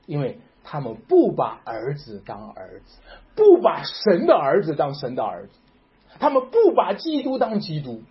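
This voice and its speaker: A man's voice: fairly high pitch, wildly swooping pitch, normal speed. A man preaching a sermon, emphatic and repeating rhetorical questions to his congregation. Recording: dull lo-fi recording.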